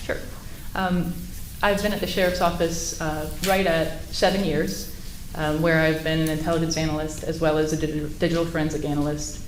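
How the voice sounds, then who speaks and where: A woman's voice: deep voice, flat delivery, moderate pace, few pauses. A woman giving courtroom testimony as an expert witness, explaining things in procedural terms. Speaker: expert witness, sheriff's intelligence commander. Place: indoor courtroom. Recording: echoey room with faint noise.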